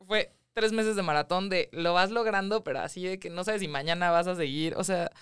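Mexican woman in her thirties, a film producer recounting her early career in a relaxed interview. Her voice is very crisp and clean, recorded dry and close. She tells it with animated energy, slipping into other people's voices. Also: lowish voice, a little fast, no room sound. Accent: Mexican Spanish. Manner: animated storytelling, acts out quoted voices. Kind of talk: casual interview chat.

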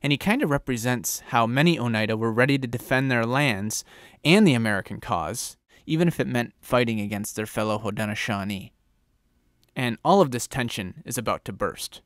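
A man's voice: medium pitch, moderate pace, fairly bright tone, dry recording, clean studio sound. Man narrating history casually. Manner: conversational storytelling. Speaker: history channel host.

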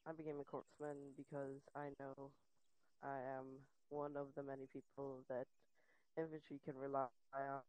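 A man playing a corpsman, reciting rehearsed recruitment lines in an even delivery. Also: medium pitch, moderate pace, background noise. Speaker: corpsman in a milsim unit video.

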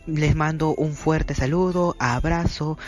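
A man recording a formal, warm-hearted holiday greeting to friends and family. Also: on the high side, fairly even intonation, slow, soft background music.

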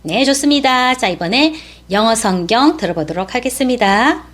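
A woman's voice: on the high side, animated, normal speed, fairly bright tone. A Korean woman teaching English through Bible verses, explaining grammar and pronunciation and patiently stretching out model phrases for listeners to repeat. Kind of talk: slow instructional English lesson.

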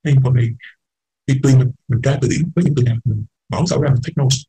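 A man's voice: mid-range voice, fast, mellow, slightly rough, low-quality recording. A man teaching an English class, explaining patiently, repeating words and mixing English terms into his talk. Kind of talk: online class lecture.

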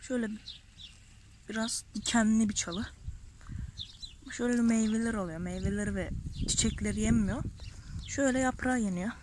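Outdoors on a hillside pasture, a woman grazes her sheep and vlogs about village life, with background noise audible. Her voice is fairly high, at normal speed with long pauses, and she chats casually and tenderly about the plants and animals nearby, sounding pitying toward the animals.

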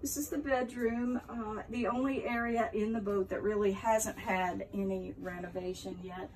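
A woman's voice: medium pitch, normal speed. Middle-aged woman touring her boat, roomy echo. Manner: relaxed, hesitant with many ums. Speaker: boat owner giving a tour. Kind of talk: casual tour talk. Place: aboard a river sternwheel boat. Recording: roomy echo, distant, noisy.

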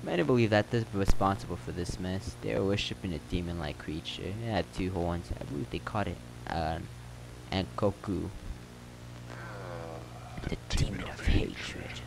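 A man's voice: deep voice, brisk, gravelly. A man putting on an accented, gossipy motel worker. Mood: spinning tales. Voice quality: put-on accent. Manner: rambling, joking storytelling. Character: male motel worker, gossipy small-town storyteller. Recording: loud game noise behind.

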